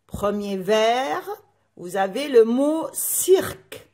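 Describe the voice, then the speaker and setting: Brief: female primary teacher, high voice, very slow and deliberate, spelling out each letter; echoey room. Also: animated, warm tone. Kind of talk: recorded classroom lesson.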